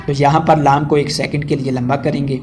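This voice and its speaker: A man with a Pakistani Urdu accent teaching Quran recitation step by step, spelling out letters and chanting verses slowly between quick explanations. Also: a little high, little pitch movement, a little mellow, faint music behind.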